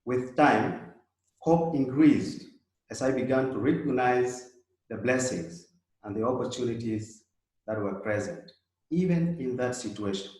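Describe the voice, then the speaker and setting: A man in his thirties from South Sudan, giving a measured, reflective prepared talk as a guest speaker. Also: mid-range voice, expressive, a little mellow. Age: 30s. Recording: very echoey room.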